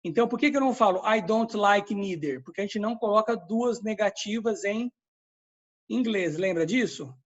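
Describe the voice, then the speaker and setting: A male English teacher whose first language is Portuguese reviews a lesson in a recorded class, explaining step by step and checking in with students by name. His voice sits high and he speaks at normal speed. The recording is muffled.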